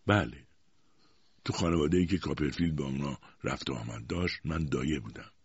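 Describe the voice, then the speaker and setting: A timid young widowed mother in a storybook, soft-spoken and close to tears, as a man voices her. She answers meekly and hesitantly in a slightly husky tone. The recording sounds dull and dry. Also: very deep voice, no room sound.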